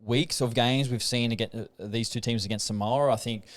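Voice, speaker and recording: A man's voice: medium pitch, steady tone, brisk. An Australian man in his thirties, a rugby league player hosting a podcast, chatting casually about rugby in a laid-back way. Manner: laid-back, chatty, says "um" and "mate" often.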